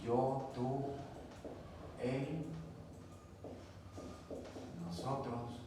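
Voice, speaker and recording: A male teacher walks a class through verb forms one at a time, in an unhurried, measured way. His voice reaches the mic from across the room, with a lot of echo. A faint hiss of noise sits under the recording. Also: mid-range voice, flat delivery, recorded from a distance. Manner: patient, spells out each form step by step. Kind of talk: slow classroom grammar lesson. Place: classroom at a board.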